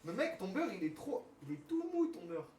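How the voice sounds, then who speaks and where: A man's voice: high-pitched, big pitch swings, normal speed, distant mic. Joking young male streamer in an echoey kitchen. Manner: joking, teasing, addresses chat as "les gars". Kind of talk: casual livestream cooking chat. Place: home kitchen.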